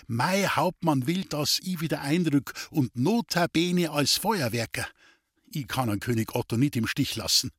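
A man's voice: on the high side, husky, no room sound, clean studio sound. Man voicing a stubborn young Bavarian soldier. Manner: eager, insistent.

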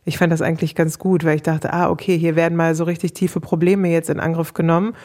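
A coaching client being interviewed recounts her personal experience in a casual, candid, self-reflective and colloquial way. Her voice is deep and darkish, delivered flatly at a quick pace.

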